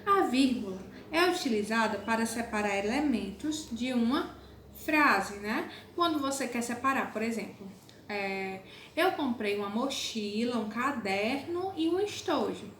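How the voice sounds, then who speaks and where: A primary school teacher with a Brazilian Portuguese accent and a fairly high, expressive, slightly bright voice is patiently explaining a lesson to young pupils in a recorded online class. She goes slowly and calls the children "my loves." The room is echoey, with faint background noise.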